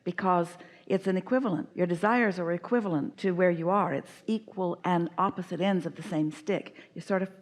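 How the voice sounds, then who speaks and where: A woman's voice: lowish voice, brisk, hardly any pauses. A woman giving a live spiritual teaching to a guest, speaking as "we" in an emphatic, repetitive cadence. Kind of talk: channeled teaching in a live workshop.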